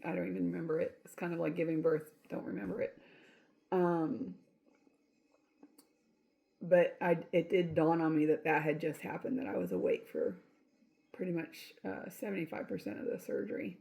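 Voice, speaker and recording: A woman's voice: fairly low pitch, steady tone, normal speed, vocal fry, warm tone. A middle-aged woman tells a personal story in a loose, chatty way. She laughs often and stops to restart her sentences, with plenty of fillers. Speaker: vlogger telling her own surgery story. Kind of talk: casual storytelling.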